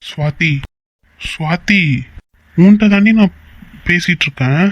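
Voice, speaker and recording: A woman's voice: on the low side, measured pace, no room sound. A woman voicing a young husband in a cartoon skit, coaxing, apologetic and playful with his wife. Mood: pleading. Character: young husband, pleading and teasing.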